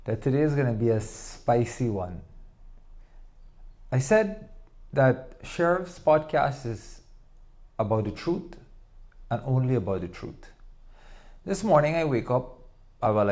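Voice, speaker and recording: A man's voice: mid-range voice, a little mellow. Podcast host telling his side of a story. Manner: storytelling, stumbling over words at times. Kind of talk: solo podcast monologue.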